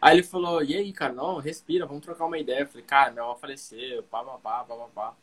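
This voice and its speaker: Husky young man telling a slangy story. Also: mid-range voice, fast. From Cuiabá, Brazil. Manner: slangy, animated storyteller who acts out the other people in his story. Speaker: guest comedian. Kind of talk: casual storytelling.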